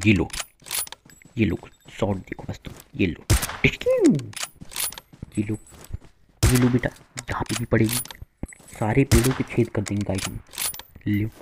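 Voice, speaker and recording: A man's voice: lowish voice, noisy background. A man giving playful, boastful live commentary to viewers while playing a shooter game, with gunfire behind him. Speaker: gaming streamer.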